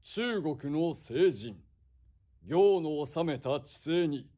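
Man as stately warlord, lordly archaic delivery, high-ish lively voice, distant and roomy. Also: very slow. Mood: commanding. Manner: archaic lordly speech, booming declarations. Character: proud, stately feudal warlord, adult man. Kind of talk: costumed stage skit. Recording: echoey hall heard from far off.

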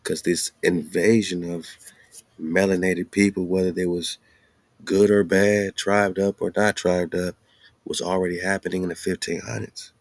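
Here a male host talks casually over maps and documents shown on screen, using slang, posing rhetorical questions, and repeating himself to drive points home. His voice sits low with a flat delivery at normal speed, and no room sound is audible.

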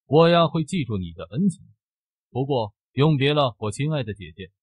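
A man's voice: mid-range voice, very animated, normal speed, slightly rough, no echo. A man voicing a sly, treacherous female three-tailed fox demon, speaking in a teasing, scheming way.

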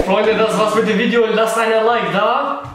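High-voiced young man, casual prankster. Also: steady tone, moderate pace, noisy background. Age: 20s. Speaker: prank call host. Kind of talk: casual prank video talk. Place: living room sofa, indoors.

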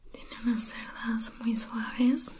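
A woman's soft, breathy whisper, fairly high with little pitch movement, carries a slow ASMR spa roleplay. As a soothing facial therapist, she attentively and gently guides the listener.

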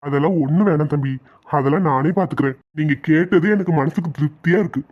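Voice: mid-range voice, fast talker, close to an everyday voice. A performer voicing an older uncle who kindly turns down an offer of money. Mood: gracious. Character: older man, an uncle, gracious and proud. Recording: dull lo-fi sound.

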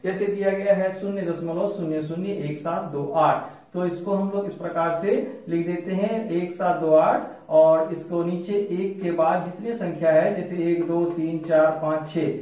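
A man's voice: high-pitched, fairly even intonation, darkish tone. Man teaching math in an echoey room. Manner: slow, repetitive explaining, addresses children directly. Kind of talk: step-by-step classroom lesson. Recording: very echoey room, mic far off.

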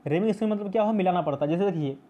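Man teaching a poem, mellow voice. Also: sits high, racing. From India. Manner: patient, repetitive, mixes English terms into speech. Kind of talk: explaining a poem in a class video.

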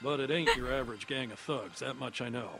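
An actor voicing a gruff, weathered older man in a game, plain-spoken and dry as he tells hunting stories. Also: medium pitch, a little fast, pushed and bright. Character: gruff weathered older uncle, folksy storyteller. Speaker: game character.

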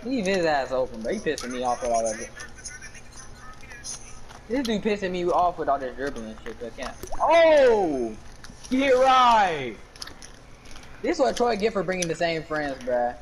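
A man's voice: a little high, big pitch swings, moderate pace, a little hiss or hum. Trash-talking man calling plays. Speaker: gamer playing online basketball with friends. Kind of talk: casual gaming chat.

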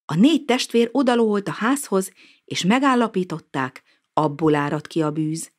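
Expressive woman reading a children's story. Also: mid-range voice. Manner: expressive, sing-song reading.

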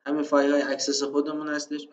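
A man giving a casual spoken programming lesson, often posing rhetorical questions to himself and pausing with fillers. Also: a little high, completely flat delivery, reverberant, rough recording. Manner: conversational, rhetorical self-questions, frequent fillers. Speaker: programming instructor. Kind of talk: screen-recorded tutorial explanation.

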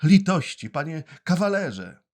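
A man voicing a little wooden puppet boy with a high, tearful, imploring voice. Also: big pitch swings, unhurried, a bit bright. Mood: pleading.

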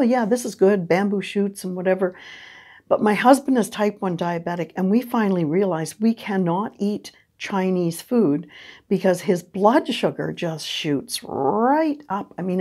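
Standing at a whiteboard in an indoor room, an older woman who hosts health and diet videos gives a casual, chatty lesson on diet. She's animated, keeps checking in with "right?", and her fairly low voice is picked up by a camera at medium distance.

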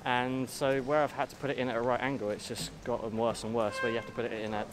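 A man's voice: medium pitch, flat delivery, fast talker, a crowd in the background. A young man, chatting casually while walking outdoors, laid-back and swearing now and then. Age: young adult. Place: city street outdoors.

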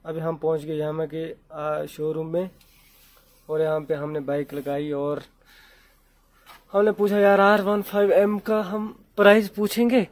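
Young male vlogger, pushy and teasing, high mellow voice, casual banter. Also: no room sound. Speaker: vlogger pulling a prank. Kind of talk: casual prank vlog banter. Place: outdoors by the road with motorbikes.

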